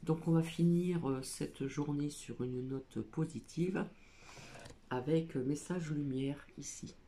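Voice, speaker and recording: A woman's voice: low voice, takes it slowly, warm tone, a little hiss or hum. A woman doing a casual spiritual card reading at a small table at home, hesitant with many fillers as she reads card texts aloud. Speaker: oracle card reader.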